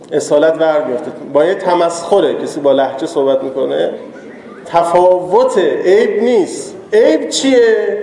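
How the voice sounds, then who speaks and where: A man's voice: high-pitched, warm tone. A man giving a chatty, joking religious talk to a live audience that builds to emphatic moralizing. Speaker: religious lecturer. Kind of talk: conversational sermon to a live audience. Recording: echoey hall with long reverb.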